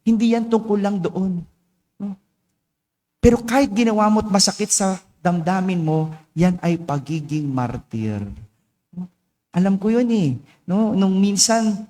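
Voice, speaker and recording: A Filipino priest with a high voice and a slightly hoarse edge preaches in a conversational way, checking in with his listeners again and again. His voice rings with the long reverb of a large church hall. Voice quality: hoarse after vocal cord surgery. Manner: conversational, keeps asking "no?" and "di ba?". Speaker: parish priest. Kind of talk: sermon.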